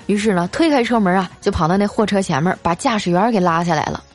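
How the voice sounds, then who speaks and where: A woman telling funny family stories in a lively, teasing, chatty manner. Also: medium pitch, fast talker, soft background music. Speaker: storyteller. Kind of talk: comedic storytelling.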